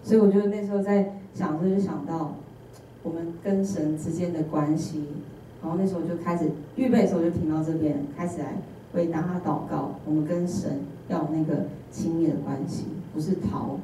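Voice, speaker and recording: A woman with a Taiwanese Mandarin accent, an intern preacher, gives a sermon in a church sanctuary, animatedly telling humorous personal stories and acting out bits of dialogue. Her voice is low and a little fast, heard from a distance in an echoey hall with slight hiss or hum.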